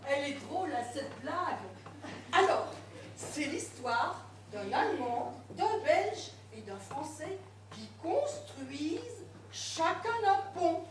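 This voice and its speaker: A woman's voice: sits high, sing-song, slow, a little hiss or hum, heavily acted. A woman acting a chatty wife who keeps laughing as she botches a joke, in an amateur stage comedy. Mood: flustered giggly. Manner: giggly, flustered, keeps laughing while telling a joke. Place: stage in a hall with audience. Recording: echoey hall, distant mic, audience.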